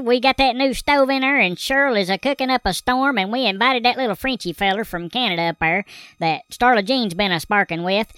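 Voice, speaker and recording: A man's voice: extremely high pitch, pushed and bright, clear, resonant tone, no room sound, pitched above the performer's own voice. A man voicing a folksy old Southern hillbilly man who rambles in a country drawl, with a Southern accent. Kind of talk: comedy character bit.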